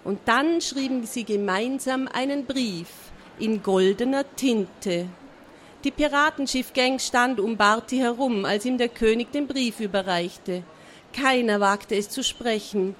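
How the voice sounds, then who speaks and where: A woman reading a children's adventure story aloud in a lively, expressive way, with small slips. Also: a little high, a little slow, a little hiss or hum.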